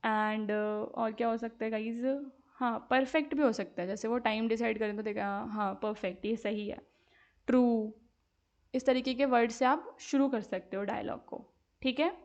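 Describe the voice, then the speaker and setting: A woman's voice: a little high, fairly even intonation, lo-fi sound. A woman teacher explaining exam answers step by step, mixing Hindi and English and often checking with her students. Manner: slowly spells out English sentences word by word while dictating. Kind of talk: exam-prep lesson.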